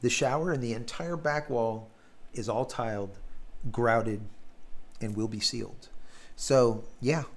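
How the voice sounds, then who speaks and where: A man hosting a live stream in casual chat, blunt and quick to swear, his throat sore and worn after hours of talking. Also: medium pitch. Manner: blunt, ranting, swears freely.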